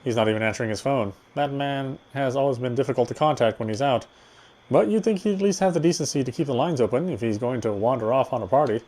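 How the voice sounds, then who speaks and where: A streamer reads a visual novel's narration aloud in an expressive way, stumbling over the occasional word, while game music plays. He speaks fast, with a medium-pitched, slightly mellow voice.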